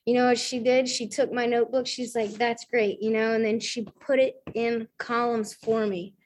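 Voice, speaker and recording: A woman with a slightly high voice talks at a moderate pace in a level tone. She's from the American South and is sharing her own story at a recovery meeting, casually and self-deprecatingly, full of fillers and acted-out quotes.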